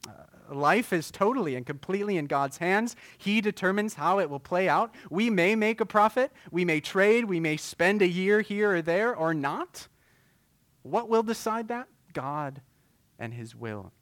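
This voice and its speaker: A man preaching a sermon as pastor, earnest and measured, with frequent filler words. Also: high voice, lively intonation, a bit bright, no echo.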